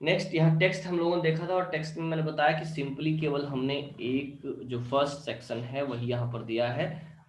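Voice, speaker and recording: A man teaching an online English literature class, explaining step by step and often checking "clear?", with Indian-accented English. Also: a little high, reverberant, a little hiss or hum, low-quality recording.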